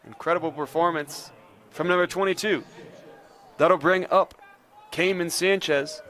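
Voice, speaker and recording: A man's voice: fairly high pitch, unhurried, fairly bright tone. A man giving live play-by-play baseball commentary as a sports announcer.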